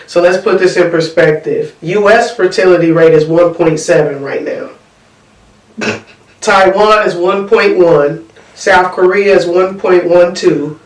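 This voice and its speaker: Slangy cussing podcast guy, high voice, mic kinda far off, echoey room. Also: measured pace. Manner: loose, slangy and profane, explains with numbers. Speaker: podcast co-host. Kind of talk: casual chat. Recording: roomy sound, mic set back.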